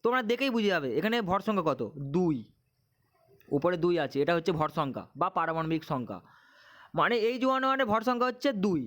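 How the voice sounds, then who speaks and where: High-voiced man teaching a lesson. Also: big pitch swings, fast talker, fairly bright tone. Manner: repetitive, drilling questions and answers. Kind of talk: exam-prep chemistry lesson.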